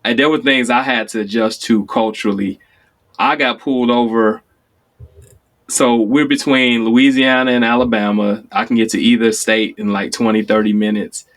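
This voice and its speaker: A mid-pitched man in his forties, from Chicago, chatting casually on a remote call. He tells stories with energy and leaps up high whenever he acts out what someone said. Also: moderate pace. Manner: animated storyteller, acts out quotes with sudden high pitch jumps. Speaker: guest. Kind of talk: casual conversation.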